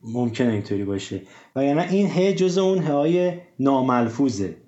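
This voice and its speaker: A man with a medium-pitched, mellow voice and wide pitch swings hosts a casual talk about Persian writing rules, explaining through many examples and hesitant fillers. The recording sounds roomy, dull, and lo-fi.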